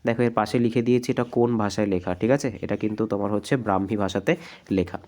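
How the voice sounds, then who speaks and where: A man with a hoarse voice from a cold, teaching an exam practice lesson and explaining answers step by step. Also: fairly low pitch, fast, warm tone. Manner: explanatory, repeats "ঠিক আছে?" often.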